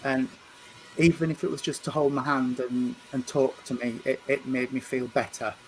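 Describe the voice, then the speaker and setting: A man, working as a medium and giving a spirit reading at a church service. He speaks gently and reassuringly, often stumbling over and repeating his words. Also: mid-range voice, little pitch movement, moderate pace, slight background noise, poor audio. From England. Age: 50s. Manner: hesitant, repeats and restarts words.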